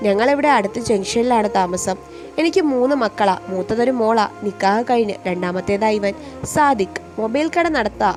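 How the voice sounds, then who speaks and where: A woman's voice: medium pitch, expressive, normal speed, over music, natural voice. A woman voicing a humble middle-aged mother who comes to ask for a bride for her son, speaking politely and pleadingly. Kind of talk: storytelling voice acting.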